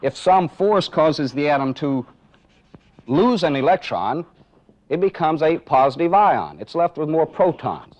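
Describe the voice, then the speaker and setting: In this 1980s training film, heard through dull, band-limited audio, a man narrates a live demonstration. His voice is fairly high with a darkish tone, very animated but unhurried. He explains methodically, step by step, and poses rhetorical questions.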